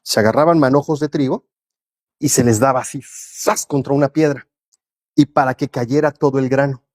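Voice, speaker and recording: Un hombre que predica un sermón, lee pasajes bíblicos en voz alta y los explica con preguntas a la congregación. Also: male voice, mid-range voice, fairly even intonation, a little fast, darkish tone. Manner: reads scripture aloud and explains it, asking the congregation questions. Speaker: preacher. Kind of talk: sermon.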